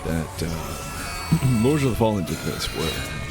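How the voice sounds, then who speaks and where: A man's voice: very deep voice, big pitch swings, takes it slowly, music in the background. A man giving casual live video game commentary, rambling and geeky as he plays. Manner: rambling, easily sidetracked geeky enthusiasm.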